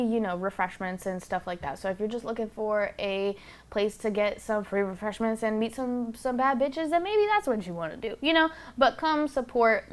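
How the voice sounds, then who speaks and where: A woman's voice: on the high side, a bit bright. A woman hosting a casual solo podcast, talking candidly and bluntly and swearing freely into a close microphone. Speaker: podcast host.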